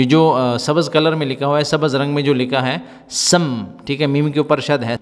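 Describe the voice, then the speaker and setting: A man teaching Gulf Arabic vocabulary in Urdu, repeating each word slowly for practice. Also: fairly high pitch, in a large hall. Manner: repeats words slowly for drill.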